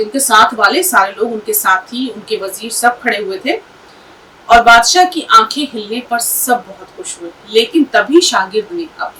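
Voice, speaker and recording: A woman teaching Urdu by telling a story and spelling words out slowly, letter by letter. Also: a little high, sharp tone, far from the mic, rough recording. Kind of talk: storytelling language lesson.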